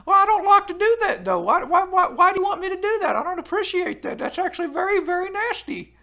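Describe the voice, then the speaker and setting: Voicing a crude wrestling fanatic running a livestream, a man reads the chat out loud in an extremely high, fast character voice. The persona is brash and foul-mouthed, swearing freely and bursting out excitedly.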